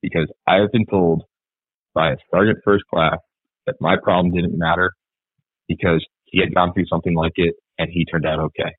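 A man's voice: low-pitched, level tone, moderate pace, breathy edge, dry recording. A man, an Army sergeant, talking earnestly and reflectively in a candid podcast interview, with fillers and repeats. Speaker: guest, Army sergeant and article author. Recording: tinny phone-like line, dry.

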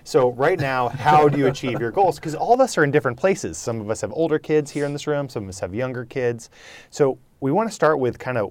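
A man's voice: medium pitch, expressive, fairly quick, a little mellow, dry recording. A man who is a chaplain, hosting a podcast in an upbeat, friendly way and introducing the topic.

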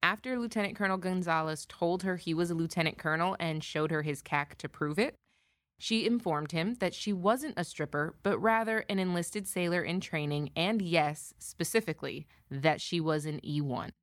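Woman, American accent, lowish pitch, formal scripted explanation, no room echo. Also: moderate pace, clean studio sound. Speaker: podcast co-presenter, military lawyer.

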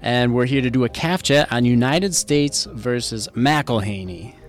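A man's voice: medium pitch, measured pace, faint music behind. A man hosting a podcast, explaining legal points in a casual, conversational way and repeating key points for emphasis. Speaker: podcast host, military lawyer.

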